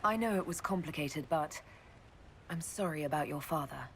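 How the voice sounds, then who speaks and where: A woman voicing a sincere, caring fantasy heroine in a video game, speaking in an earnest, gentle way. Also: low-pitched, moderate pace, a little hiss or hum. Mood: sympathetic.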